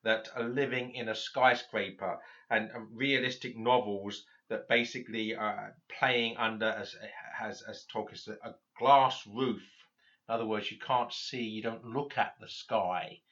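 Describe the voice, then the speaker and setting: A man giving a literature lecture, halting often with fillers and restarts. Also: lowish voice, fairly even intonation, fairly bright tone, muffled recording.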